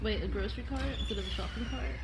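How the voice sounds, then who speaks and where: A woman's voice: medium pitch, very fast. Young American woman, echoey noisy room. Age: young adult. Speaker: host reading out challenge questions. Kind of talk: casual group chat. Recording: echoey room, loud ambient noise.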